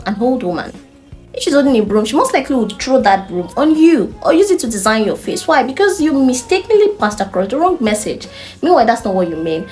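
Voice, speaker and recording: A woman with a Nigerian accent giving an online language lesson, emphatic and playful as she explains. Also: on the high side. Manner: animated, emphatic, playful teaching. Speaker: Chinese language tutor.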